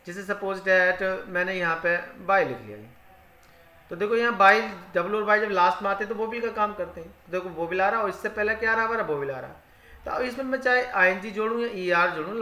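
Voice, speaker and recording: Bright-voiced teacher, echoey room. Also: male voice, high voice. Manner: asks rhetorical questions and answers them himself; repeats each English rule in Hindi. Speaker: English teacher. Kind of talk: spoken grammar lesson.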